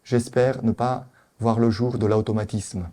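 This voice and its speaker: Speaking a little slowly in a mid-range voice, this middle-aged veterinary specialist with an Italian accent delivers a conference lecture. He's lively, peppering his talk with rhetorical questions.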